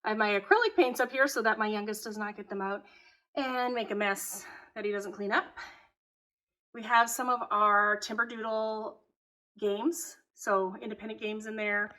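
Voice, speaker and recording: A middle-aged woman raised in Taiwan, a homeschooling mother who hosts her own channel, gives a casual home tour indoors. Her voice is medium-pitched at a normal speed, and she sounds relaxed, chatty and matter-of-fact.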